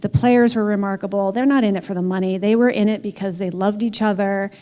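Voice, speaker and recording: A woman's voice: medium pitch, steady tone, a little fast, mellow. A woman team executive speaking candidly and emphatically on a panel, with frequent filler words. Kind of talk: panel discussion. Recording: long hall reverb.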